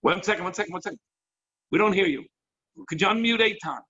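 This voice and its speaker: Excitable high-voiced rabbi host. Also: male voice, fast. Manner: effusive, excitable, jumps between thoughts. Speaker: rabbi hosting a video call show. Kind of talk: enthusiastic hosting. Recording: muffled lo-fi online call audio.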